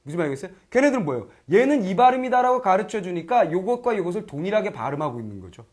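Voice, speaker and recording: Teaching Korean grammar online, a middle-aged man talks rapid-fire in a high-pitched voice. His manner is lively: he keeps asking whether students follow and acts out foreign learners' lines in quoted voices.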